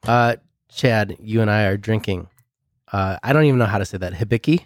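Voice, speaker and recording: Relaxed guy rambling on a podcast, dry close sound. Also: on the low side, fairly quick, no room sound. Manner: laid-back, rambling. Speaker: podcast co-host. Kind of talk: casual chat.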